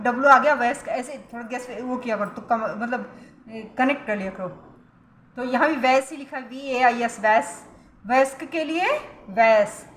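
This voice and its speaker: A woman's voice: fairly high pitch, a bit bright. A woman teacher with Indian-accented English words, coaching students for an exam in a coaxing way and often asking if they follow. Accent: Indian English words mixed into Hindi. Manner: coaxing, calls students beta, keeps asking "correct?". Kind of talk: exam-prep lesson. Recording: echoey room with faint noise.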